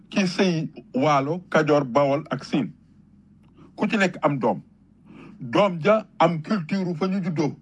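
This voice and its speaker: Speaking with a Senegalese accent, a man with a slightly high, husky voice delivers an impassioned patriotic public talk. He is emphatic and rhetorical, tells stories with plenty of repetition, and moves back and forth between French and Wolof.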